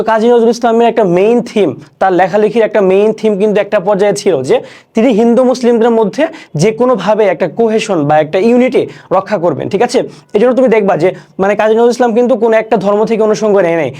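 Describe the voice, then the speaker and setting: A young man teaching an online class, explaining each word slowly and repeating questions and answers. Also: high-pitched, mellow. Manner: recites poem lines slowly.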